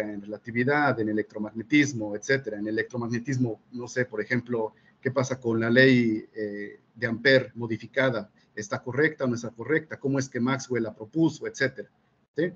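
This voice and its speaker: A man, a physics teacher presenting at a seminar, measured and full of fillers and checking questions. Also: mid-range voice, slightly rough, highs cut off. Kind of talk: explanatory academic presentation.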